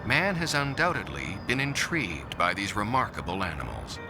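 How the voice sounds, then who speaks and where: A man's voice: fairly low pitch, big pitch swings, moderate pace. A man reading scripted narration for a nature documentary. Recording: narration over music bed. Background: music.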